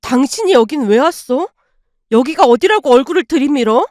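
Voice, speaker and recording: A woman's voice: sits high, animated, brisk, dry recording. Casting: woman voicing a bitter mother, cold and curt, close and dry in a story reading. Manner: sharp, curt retorts. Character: bitter, angry middle-aged mother, cold.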